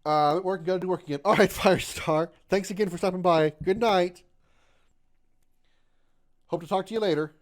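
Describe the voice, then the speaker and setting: A game streamer in his thirties chats casually with his livestream viewers in a voice that sits high, at a moderate pace with long pauses. He rambles, repeats himself and stumbles over words, putting himself down in a glum, self-deprecating way.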